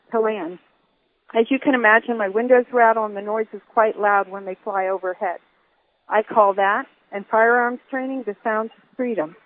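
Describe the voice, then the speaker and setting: Older woman testifying over a tinny phone. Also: a little high. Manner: firm and emphatic. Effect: heard over a telephone speaker. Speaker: public commenter at a hearing. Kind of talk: prepared public testimony.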